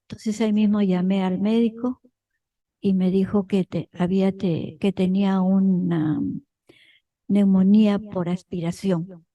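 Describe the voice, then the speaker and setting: A woman from a parish group telling her own story to the group at an unhurried pace. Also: mid-range voice, fairly even intonation, warm tone, poor audio. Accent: Peruvian Spanish. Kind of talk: personal account in a group.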